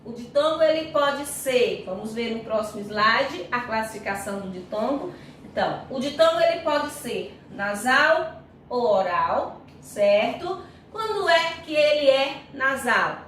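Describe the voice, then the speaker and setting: Brazilian woman, teacher, slow careful lesson, checks in with her students, sounds out syllables, echoey distant recording, faint noise. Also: on the high side, lively intonation, fairly bright tone. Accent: Brazilian Portuguese. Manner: explains slowly, often checks in with "certo?" and "ok?"; sounds out syllables slowly and stresses them. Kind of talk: recorded online grammar lesson. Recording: echoey room, voice far from mic, faint noise.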